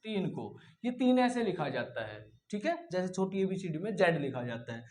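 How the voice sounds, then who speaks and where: Male teacher, classroom lesson, step-by-step explanation, self-answered questions, drawn-out demo sounds. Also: high voice, big pitch swings, a little mellow. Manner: stretches sounds slowly to demonstrate.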